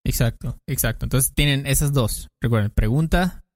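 A man co-hosting a podcast, playfully explaining Spanish grammar in casual chat, with quick examples. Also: medium pitch, no room sound, clean studio sound. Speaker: podcast co-host teaching Spanish. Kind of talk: casual language lesson chat.

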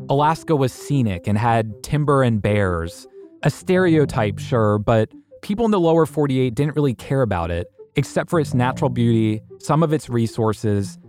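A man narrating an investigative story in a measured, scripted way, posing rhetorical questions. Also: medium pitch, a little mellow. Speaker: podcast host and narrator.

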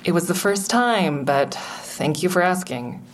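This actress voices the narrator and lead of an audio drama, a guarded, agitated woman with a sardonic, exasperated edge, speaking first-person narration and dialogue. Her pitch is fairly low, her delivery animated at a measured pace, and the mood agitated and sarcastic. There's slight background noise.

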